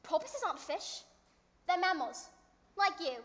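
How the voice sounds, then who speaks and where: A woman plays a prim, earnest girl of good family on stage. The voice is very high and bright, measured and a little bossy, in an echoey hall. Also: lively intonation, exaggerated voice. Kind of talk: theatrical stage acting.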